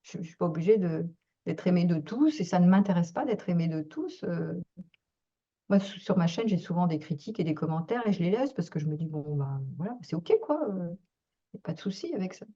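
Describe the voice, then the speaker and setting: A woman hosts a reflective talk in an earnest, musing manner. Her voice is mellow and warm. The recording sounds dull and lo-fi. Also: fairly low pitch, animated, a little fast. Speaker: host, speaker. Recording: dull lo-fi audio.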